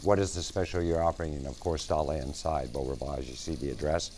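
A man's voice: very deep voice, steady tone, fast, darkish tone, a little hiss or hum. An older man anchoring a TV news kitchen segment, chatty and upbeat, on a lapel mic in a studio kitchen set.

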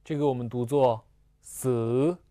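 A man teaching a language lesson, slowly explaining spelling and pronunciation with patient repetition and small fillers. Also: medium pitch, dark tone, no echo, clean studio sound. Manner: slow and patient, repeats syllables twice, fillers like "啊" and "呃". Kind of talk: slow, deliberate classroom explanation.

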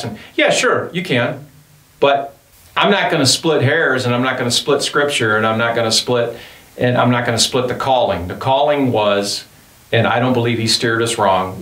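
Fifties guy talking earnest about faith n his band, mid-pitched voice, kinda echoey studio room. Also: fairly bright tone. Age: 50s. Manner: earnest, faith-filled, repeats himself. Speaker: band leader and studio owner. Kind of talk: reflective documentary interview. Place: home recording studio.

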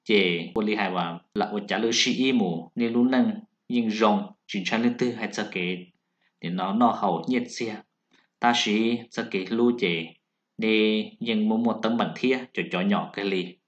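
Over a still slide, a man who tells zodiac fortunes gives a loose, rambling voice-over about which signs match. His voice sits on the low side with a fairly bright tone. The sound quality is dull and lo-fi.

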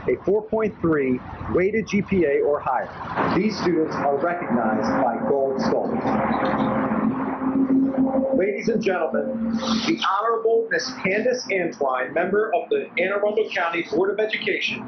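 A man's voice: high-pitched, lively intonation. Man giving a formal outdoor speech. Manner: measured, formal address with deliberate pauses. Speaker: high school principal. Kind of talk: commencement speech. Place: outdoors in front of a brick building. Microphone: podium microphone. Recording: dull outdoor recording with traffic noise.

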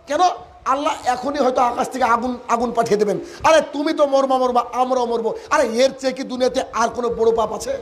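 A man's voice: very high voice, slight background noise. A man preaching a sermon, retelling a story with acted-out dialogue, repeating his points with emphasis.

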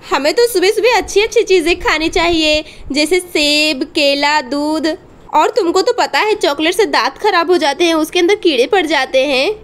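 A woman voices a kind village mother in a doll storybook tale. She speaks gently and patiently, and her voice is very high. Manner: gentle, soothing, advising.

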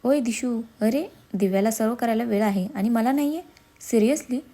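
A woman's voice: a little high, normal speed, dark tone. A woman voicing an irritable, overworked young husband in a storybook reading. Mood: whiny. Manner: curt, exasperated, then coaxing.

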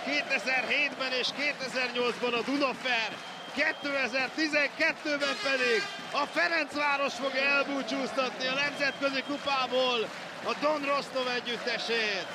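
A male sports commentator calls live handball. He is excitable and openly partisan, over a very loud crowd and heavy arena noise. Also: very high voice. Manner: partisan, excitable, shouts at big moments.

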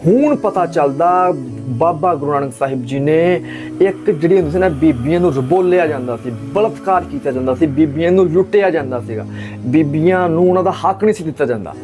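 A man's voice: on the high side, animated, brisk, over music. A man from Pakistan giving an impassioned religious talk, driving points home with rhetorical questions and emphatic repetition. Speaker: religious speaker.

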